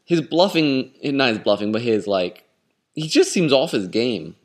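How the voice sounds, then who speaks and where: A man co-hosting a podcast, chatting casually and haltingly as he thinks aloud, recorded in an echoey room. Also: medium pitch, big pitch swings. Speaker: podcast co-host. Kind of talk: casual TV discussion chat.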